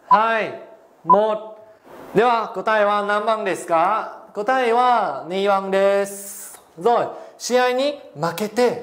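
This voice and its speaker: A man with a notably high voice leads an exam-prep language lesson. He works through each answer step by step, constantly checking in with his students through rhetorical questions. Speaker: Japanese language teacher.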